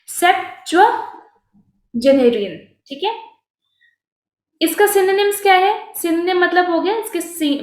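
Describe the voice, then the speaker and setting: A woman's voice: high voice, reverberant. A woman with an Indian accent, teaching an online vocabulary lesson, explaining word meanings and correcting herself as she goes. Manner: explains in mixed Hindi and English, self-correcting.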